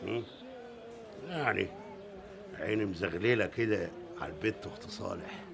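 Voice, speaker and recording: A man's voice: sits low, crowd noise. An actor playing a stubborn, bossy old father with an Egyptian accent, in a TV drama. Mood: sly. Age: older. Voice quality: gravelly, bossy, quick-tempered. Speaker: father of a grown son. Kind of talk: TV drama acting. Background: background score music.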